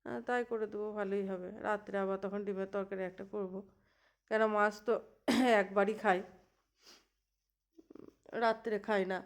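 A woman's voice: mid-range voice, fairly even intonation, moderate pace, creaky, pauses often. A woman in her thirties chatting in a homely, rambling way as she narrates a cooking vlog in her home kitchen. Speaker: housewife vlogger.

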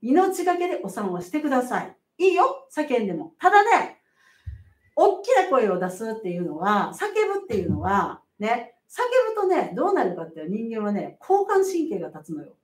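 A middle-aged midwife with a Kansai accent, giving animated, laughing, emphatic advice in a casual live stream. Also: female voice, fairly high pitch, moderate pace, roomy sound, far from the mic.

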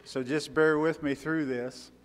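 A man's voice: on the high side, steady tone, unhurried, clear, resonant tone. Older man leading a church service. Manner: folksy, punctuated with frequent amens. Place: church sanctuary, at the pulpit. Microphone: pulpit mic. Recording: church hall reverb.

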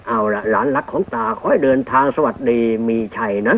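An actor playing a kind, wise old male hermit who speaks gently to his grandson, in an old cartoon. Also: mid-range voice, wildly swooping pitch, brisk, gravelly, slightly rough, heavily acted. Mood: fatherly. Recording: tinny old film soundtrack with music.

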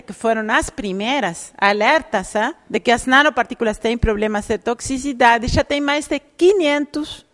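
High-voiced woman lecturing. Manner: explanatory, often checks in with the audience. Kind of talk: public lecture. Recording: reverberant lecture hall.

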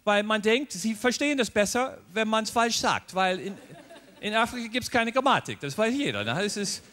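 A middle-aged American man performs stand-up comedy, speaking German with a clear American accent. His voice sits high and leaps around in pitch as he tells his stories. He acts out the people in them with lively shifts of voice. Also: normal speed. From United States. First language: English. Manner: animated storytelling, acting out characters in a pitched-up voice.

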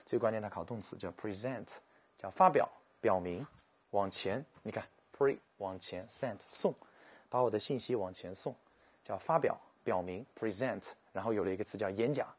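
A man giving a lively, joking English vocabulary lecture, slowing down to sound out English words. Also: on the low side, breathy edge. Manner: animated, jokey, stretches English words slowly to show pronunciation.

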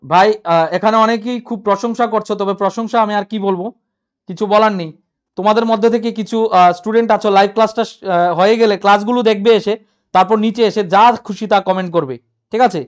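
A man's voice: high voice, fairly even intonation, fast, highs cut off. A man teaching a live online grammar class, repeating each point and checking that everyone understood. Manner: reads out and answers viewer comments, repeats points, asks if clear.

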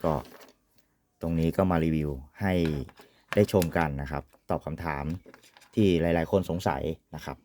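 Deep voice guy doing a casual equipment review, polite, explains step by step. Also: a little slow, darkish tone, a little hiss or hum. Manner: polite, repetitive sentence-ending particles. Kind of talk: informal explanatory product demonstration.

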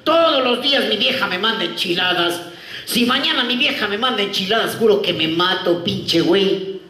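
A man's voice: high-pitched, lively intonation, moderate pace, bright, forceful tone. A man voicing a fed-up male factory worker in a mock Mexican accent, drawling and exasperated. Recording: echoey room.

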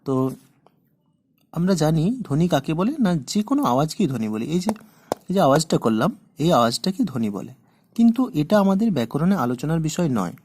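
A man's voice: on the high side, sing-song, fairly quick, darkish tone, slightly rough. A man teaching a grammar class, asking questions and then answering them himself. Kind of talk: grammar lesson.

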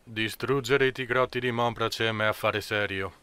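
A man voicing a gruff, seasoned old sailor in an audiobook, speaking with calm confidence. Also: on the low side, moderate pace. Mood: confident.

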